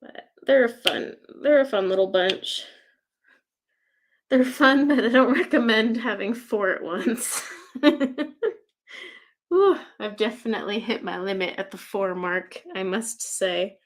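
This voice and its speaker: A woman's voice: medium pitch, unhurried. A woman talks casually on a livestream as she works with her hands. Her chat rambles, full of fillers and light laughter. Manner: chatty, rambling, laughs often; many fillers like "like" and "um". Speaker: livestream host. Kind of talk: casual chat while crafting.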